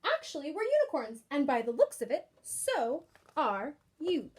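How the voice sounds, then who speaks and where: A woman's voice: high-pitched, huge pitch swings, a little slow, heavily acted. A woman voicing a friendly, welcoming unicorn in a picture-book story, with a matter-of-fact manner. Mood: explaining.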